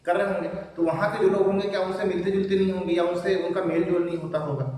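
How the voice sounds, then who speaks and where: A man's voice: high-pitched, steady tone, fast talker, a little mellow. A man teaching a Hindi grammar class online, giving word examples and often checking in with his students. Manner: explains with examples and frequent "theek hai" checks. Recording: echoey room, voice far from the mic.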